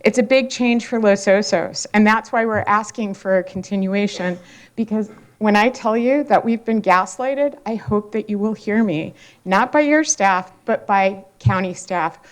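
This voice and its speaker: A woman giving public comment at a hearing, emotional and halting, with many fillers and restarts, at a podium microphone. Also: medium pitch.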